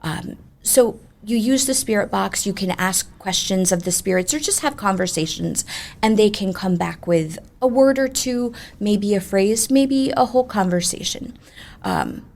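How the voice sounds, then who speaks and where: A woman ghost tour guide chatting in an animated, emphatic way as she tells ghost stories in an interview. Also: mid-range voice, a little slow, gravelly. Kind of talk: conversational ghost storytelling.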